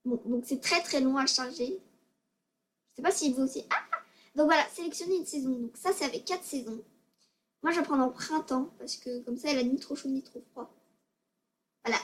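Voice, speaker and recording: A woman's voice: high-pitched, moderate pace, pauses often. A female gaming video maker giving casual tutorial commentary, hesitant and self-conscious, often stammering and repeating words.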